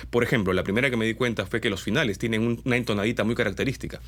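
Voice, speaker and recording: This Peruvian voice-over announcer talks rapid-fire, explaining material to viewers in an animated, instructional way. His Peruvian Spanish accent is mixed, his pitch leaps on important points, and he frequently closes ideas with a tag question.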